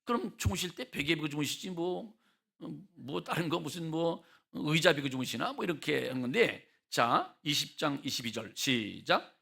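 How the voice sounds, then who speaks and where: A man's voice: on the high side, very animated, normal speed, creaky, pushed and bright, slightly rough. A male pastor preaching a revival sermon in a church, emphatic and full of rhetorical questions to the congregation.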